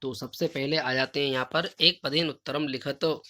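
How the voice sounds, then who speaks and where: A male teacher giving a recorded lesson, dictating answers slowly and deliberately word by word, with everyday explanations in between. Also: mid-range voice, fairly even intonation, bright, forceful tone. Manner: explains in everyday Hindi between recited lines. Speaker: Sanskrit teacher.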